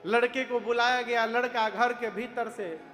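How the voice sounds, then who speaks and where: Man preacher, very high voice, unhurried delivery, long hall reverb. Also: steady tone, fairly bright tone. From eastern Uttar Pradesh. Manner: prods the audience with questions and answers, breaks into chanted verses. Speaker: katha preacher. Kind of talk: devotional sermon storytelling. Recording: reverberant hall with faint music.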